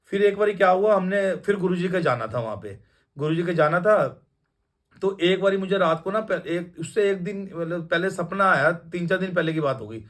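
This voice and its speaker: A man's voice: high-pitched, expressive, moderate pace, fairly bright tone. A young man telling a personal testimony in a casual, rambling way, with many restarts and fillers. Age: young adult. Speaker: devotee sharing a testimony.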